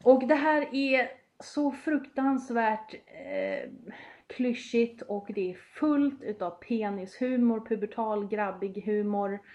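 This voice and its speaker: A woman's voice: on the high side, darkish tone. A woman co-hosting a gaming podcast, explaining at length in casual chat with many fillers. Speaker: podcast co-host. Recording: slightly dull lo-fi sound.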